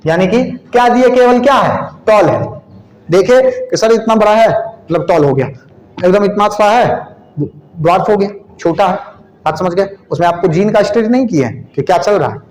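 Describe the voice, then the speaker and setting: High-pitched guy teaching a class, drags out words while writing on the board, echoey classroom. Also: darkish tone. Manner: repeats terms slowly while writing, asks questions to the class. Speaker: biology teacher. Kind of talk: classroom lecture.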